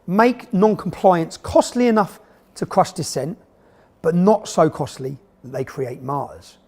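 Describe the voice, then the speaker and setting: A man's voice: a little high, big pitch swings, a little slow, mellow. A man narrating a documentary in an emphatic, sarcastic manner.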